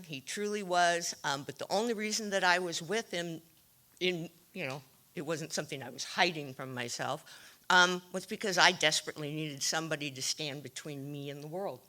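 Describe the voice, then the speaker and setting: A woman's voice: deep voice, bright, forceful tone. Wry woman telling her recovery story. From California. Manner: wry, self-deprecating, frequent ums. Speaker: AA speaker sharing her story. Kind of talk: recovery share, candid storytelling.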